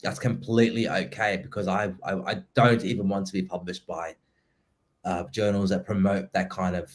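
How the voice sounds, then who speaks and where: A man, hosting a relaxed podcast conversation. His voice sits low. He speaks haltingly, stopping and restarting as he works his thoughts out loud. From Somalia. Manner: halting, with frequent restarts and repeated words. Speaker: podcast host, writer and poet. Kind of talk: casual conversational interview.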